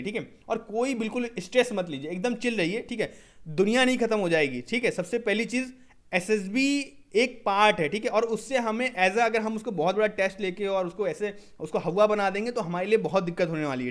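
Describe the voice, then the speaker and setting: A young man teaching candidates in a casual lesson on a basic microphone, saying "ठीक है?" after nearly every phrase and reading English headings slowly before he explains them. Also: sits high. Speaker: SSB coaching presenter.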